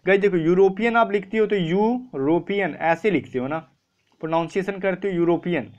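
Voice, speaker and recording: A man's voice: high-pitched, normal speed, lo-fi sound. A man teaching English grammar for exam prep in a classroom lecture style. He asks students questions, answers them himself, and keeps saying "ठीक है".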